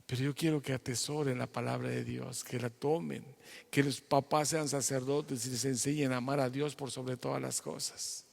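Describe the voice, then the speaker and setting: An older man preaching a sermon to viewers at home, swinging between loud exclamations and quiet pleading. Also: mid-range voice, steady tone, normal speed, vocal fry, big-room sound. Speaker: pastor. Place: church hall, streamed to viewers at home.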